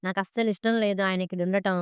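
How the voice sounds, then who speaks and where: A resentful teenage boy grumbles bluntly, as a woman reading the story voices him. The delivery is smooth and clear, recorded dry and close. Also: mid-range voice, steady tone, fast talker, no echo, close to an everyday voice. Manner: blunt and irritable.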